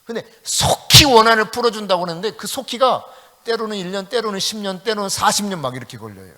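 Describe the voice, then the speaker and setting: Middle-aged korean pastor preaching, bright high voice, acts out prayers loud, laughs a lot, long church echo. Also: male voice, fast. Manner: animated preaching, acts out prayers and quoted speech with rising emphasis; laughs often while preaching. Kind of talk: sermon at a Thursday evening prayer meeting.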